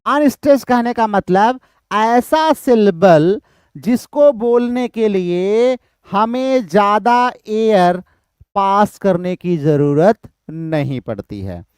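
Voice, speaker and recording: A man's voice: high voice, lively intonation, slow, darkish tone, clean tone, dry recording, clean studio sound. A man teaching literature for exam prep, explaining step by step, repeating key terms and answering his own questions.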